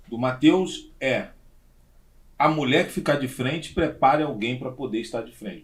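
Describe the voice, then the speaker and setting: A man hosting and moderating a podcast debate informally, in halting, repeated phrases. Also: medium pitch.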